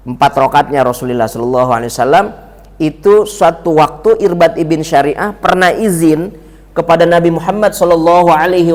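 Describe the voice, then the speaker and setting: A man giving a mosque lecture, teasing and joking with his audience as he tells stories. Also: sits high. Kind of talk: sermon. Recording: long reverb of a mosque hall.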